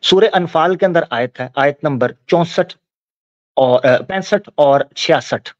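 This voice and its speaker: A man giving Islamic commentary, explaining points and reciting verses slowly. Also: fairly high pitch, dry recording, dull audio. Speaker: religious commentator.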